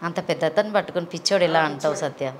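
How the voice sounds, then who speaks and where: A woman interviewer asking prodding, quick questions in a casual chat. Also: low-pitched. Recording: noisy background ambience.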